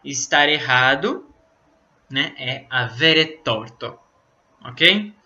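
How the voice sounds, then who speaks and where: A Brazilian man with a very bright, sharp voice at an ordinary pitch, teaching Italian in a loose, conversational way. He explains things patiently and keeps checking in with "né?" and "tá?". The recording is dull and lo-fi. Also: expressive. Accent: Brazilian Portuguese. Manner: explains slowly, many fillers like "né?" and "tá?". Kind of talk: casual online language lesson. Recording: dull lo-fi sound.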